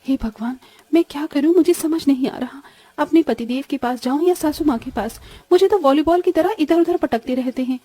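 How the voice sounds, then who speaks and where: A woman's voice: high voice, fairly quick, dark tone, dry recording, pitched above the performer's own voice, lightly acted. A woman voicing a young, dutiful new wife who is overwhelmed and apologetic in a storybook drama. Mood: fretting. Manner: pleading, apologetic.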